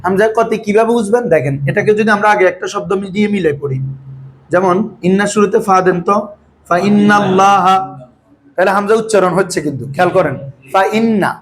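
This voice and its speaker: A man's voice: high-pitched, racing, slight background noise. A man teaching Arabic grammar in a classroom, explaining patiently in colloquial speech and quizzing his students with constant questions. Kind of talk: classroom lecture with call-and-response. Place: classroom with students seated in front.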